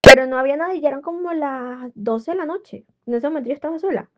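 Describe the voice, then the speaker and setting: Young coastal woman, high voice, chatty storyteller in a voice note, phone-quality audio. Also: fast, very noisy. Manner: chatty, rambling, laughs while telling. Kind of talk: casual storytelling voice message.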